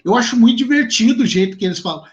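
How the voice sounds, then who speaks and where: A man with a Rio Grande do Sul accent teaching a class, lively and chatty, speaking straight to his students. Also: very high-pitched, very fast, dull audio. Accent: southern Brazilian, Rio Grande do Sul. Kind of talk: online class talk to students.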